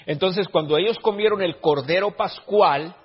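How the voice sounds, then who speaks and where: Husky preacher in a reverberant church. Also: male voice, sits high, normal speed. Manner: many restarts and stammers, rising to emphatic preaching. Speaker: pastor. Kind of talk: sermon. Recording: dull lo-fi sound with long hall reverb.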